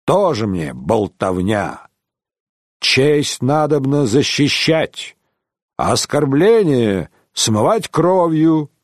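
A man's voice: mid-range voice, big pitch swings, takes it slowly, no room sound, studio quality. A man voicing a proud, hot-headed knight in an audiobook. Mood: scornful.

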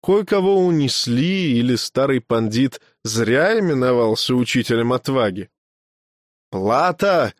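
A man narrates a novel in a measured storytelling manner. His voice sits at a middling male pitch and is recorded close and dry, with no echo. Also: lively intonation. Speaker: audiobook reader. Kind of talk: scripted narration.

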